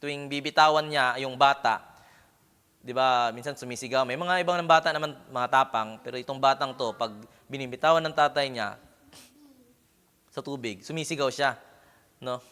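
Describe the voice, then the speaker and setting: A pastor preaches a sermon at normal speed with long pauses, his medium-pitched voice pushed and bright yet smooth. He often checks in with the congregation with a questioning "Amen?" or "No?" and slips English words into his speech. A long hall reverb surrounds the recording.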